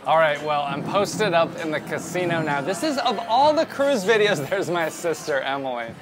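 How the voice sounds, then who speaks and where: This cruise vlogger, a man in his thirties, chats upbeat to a camera held at arm's length while touring the ship's interior and decks on foot. His voice sits a little high and sounds expressive, moving at a moderate pace.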